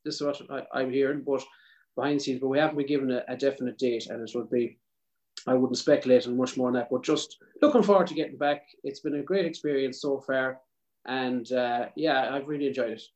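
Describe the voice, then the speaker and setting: Male podcast guest, west of Ireland Mayo accent, rapid easygoing conversational delivery over a video call. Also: mid-range voice, fairly even intonation, a little mellow, muffled recording. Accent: South Mayo, west of Ireland. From County Mayo, Ireland. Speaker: podcast guest, country singer. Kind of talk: casual interview chat over video call.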